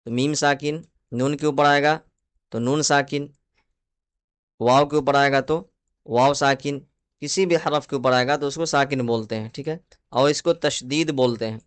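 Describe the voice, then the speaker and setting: A man with a Pakistani Urdu accent, teaching Quran recitation at a measured, patient pace. His voice is smooth and resonant, recorded close and dry with no room sound. He breaks each word into letters and marks before joining them. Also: medium pitch, no room sound. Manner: patient, spells letters and vowel marks one by one. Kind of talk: slow spelled-out recitation lesson.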